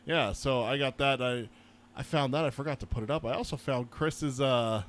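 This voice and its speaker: A man co-hosts a podcast with a voice of ordinary middle pitch. He talks informally and casually, slipping into teasing banter with the person beside him. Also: normal speed, a bit bright. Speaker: podcast co-host.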